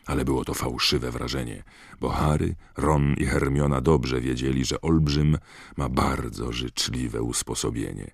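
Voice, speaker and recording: A man narrating an audiobook with a very deep, low voice and a steady, measured delivery. The recording is close and dry, with no room around it. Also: gravelly, husky, dry recording. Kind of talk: scripted narration.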